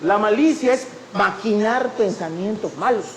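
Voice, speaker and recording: A man preaching a sermon as pastor, animated and storytelling, often taking on the voices of others. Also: high-pitched, measured pace, echoey room, slight background noise, low-quality recording. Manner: animated preaching, acting out the people in his stories.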